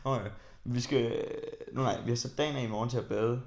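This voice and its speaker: A man's voice: mid-range voice, steady tone, roomy sound. A young man in casual conversation with a friend, talking hesitantly with many restarts. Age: young adult. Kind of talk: casual chat.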